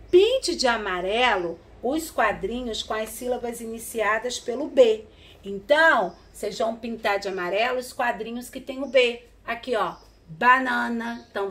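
This woman's voice is mid-range, bright and unhurried, belonging to a primary school teacher leading young kids through an online literacy class. She breaks words apart one syllable at a time and keeps patiently encouraging them, sprinkling in "tá?" and "né?" again and again.

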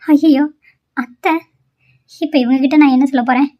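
A woman's voice: high voice, fairly even intonation, normal speed, lo-fi sound, close to an everyday voice. A woman voicing a frightened young newlywed wife in a cartoon, pleading and apologetic as she cries. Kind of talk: cartoon voice acting.

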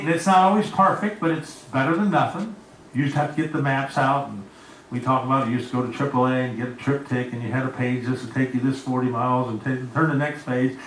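A man with a fairly bright voice on the high side preaches as pastor in a church sanctuary, telling folksy, homespun stories and calling out congregation members by name. His voice sounds far off in an echoey room, with slight background noise.

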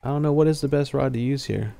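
A man's voice: mid-range voice, fast talker, gravelly, warm tone, dry recording. A young man casually explaining a fishing game as he plays it on a live stream. He talks into a headset mic and drifts into fillers and trailing thoughts. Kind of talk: casual live gameplay commentary.

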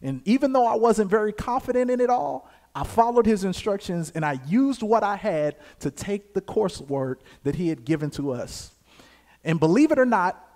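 A young man, preaching a sermon as pastor, moving from calm scripture reading to loud, emphatic exhortation. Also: high-pitched.

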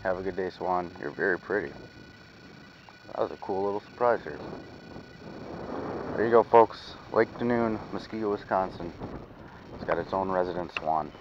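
A fishing vlogger with a low-pitched voice talks to himself and his boat-mounted action camera while casting on a lake. He speaks at a moderate pace and pauses often, and the lo-fi recording carries background noise.

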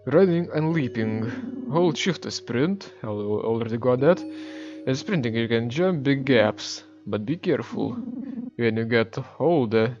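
A man in the middle of the pitch range talking slowly through his game, wry and a bit self-amused. The recording is dull and lo-fi with faint game music behind him. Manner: wry, talking to himself while playing. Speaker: gamer. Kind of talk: let's play commentary.

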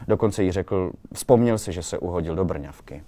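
A man reading a short story aloud in a calm, measured way. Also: low voice. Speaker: reader.

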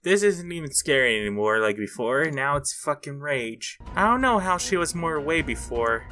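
A man commentates on a game casually, swearing in exasperation. His pitch swings widely and his tone is bright and forceful, over faint background music. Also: big pitch swings, moderate pace. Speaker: gamer commentator.

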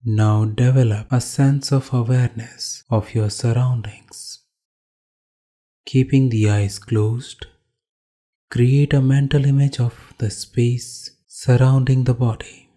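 Speaking in a mid-range voice, this Indian-accented man leads a guided meditation as a yoga teacher. He gives short, calm directions and pauses after each phrase.

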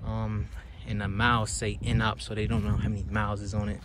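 A man's voice: fairly low pitch, completely flat delivery, brisk, fairly bright tone, slight background noise. Chatty man touring a car lot. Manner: loose, chatty, keeps addressing viewers as guys and man. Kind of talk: casual walkaround commentary. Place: outdoor auction lot, in and out of cars.

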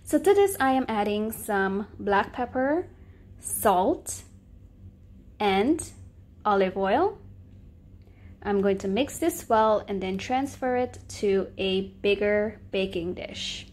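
Cooking host, female, mid-pitched, friendly step-by-step voice-over narration. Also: lively intonation, takes it slowly, darkish tone.

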